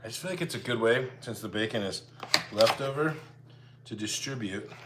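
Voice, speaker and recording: Clattering dishes and cutlery come through clearly as a man cooks at home on a live stream, casually chatting and thinking aloud to his viewers. He speaks at medium pitch and a normal speed.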